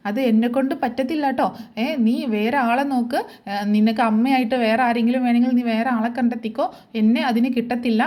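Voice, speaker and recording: A woman's voice: on the high side, fairly even intonation, quick pace, warm tone, close to an everyday voice. Woman voicing a bitter scolding mother. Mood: scornful. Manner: scolding, tearful complaints. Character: bitter angry middle-aged mother.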